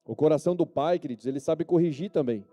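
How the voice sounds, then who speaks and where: Brazilian pastor guy preaching in church, kinda high but super warm dark voice, keeps asking amen?. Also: fast talker, faint music behind. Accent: Brazilian Portuguese. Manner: preachy, addresses the congregation with repeated calls for amen and yes-or-no. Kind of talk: sermon. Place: church service.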